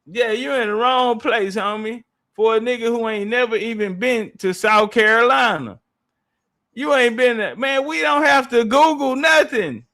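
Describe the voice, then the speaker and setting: A man's voice: very high-pitched, normal speed, pushed and bright. A man hosting a live debate stream, confrontational and taunting in slangy speech, repeating phrases for emphasis. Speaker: live-stream panel host.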